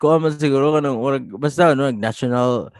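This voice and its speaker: A man co-hosting a casual podcast, jokey and quick to laugh. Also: mid-range voice, smooth, no room sound, clean studio sound. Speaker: podcast co-host.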